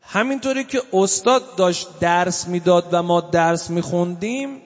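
A man preaches a sermon in a mosque hall. His voice sits high for a man, and his delivery swings from loud exclamations to slow, soft recitation. The recording sounds dull and carries a long, lingering reverb. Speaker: cleric preacher.

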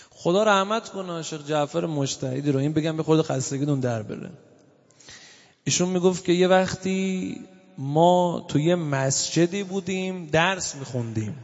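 A male cleric giving a sermon in a mosque hall, alternating loud exclamations with soft, drawn-out recitations. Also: on the high side. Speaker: cleric preacher. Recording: dull recording with long reverb.

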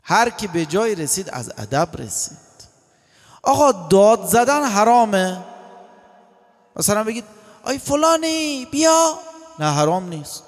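A man giving a lively religious lecture, quoting scripture and acting out short dialogues. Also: high-pitched, pauses often. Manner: animated, acts out voices and quotes scripture. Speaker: cleric. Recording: long hall reverb.

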